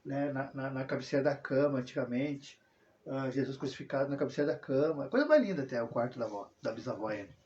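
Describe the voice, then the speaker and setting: Speaking at a quick pace, this religious video host from southern Brazil has an expressive, mid-range, darkish voice. His casual, rambling personal monologue is peppered with tag questions and self-corrections, and the lo-fi recording sounds dull.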